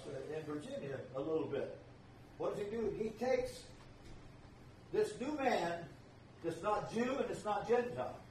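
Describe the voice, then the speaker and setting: A man's voice: high voice, darkish tone, a little hiss or hum. An older man preaching a sermon, emphatic and repeating his key phrases. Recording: echoey room, voice from far off.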